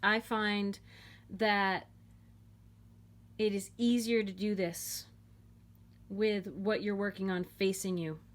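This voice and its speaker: A woman's voice: medium pitch, steady tone, slow pace, pauses often. A woman teaching a knitting technique at home in a casual, chatty and playful way, joking and repeating herself as she goes.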